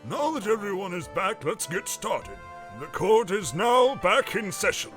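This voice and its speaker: A man's voice: high voice, sing-song, a little slow, a bit bright, faint music behind, heavily acted. A man voicing a stern, pompous judge from a video game, with formal, proclaiming delivery. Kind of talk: video game voice-over read aloud.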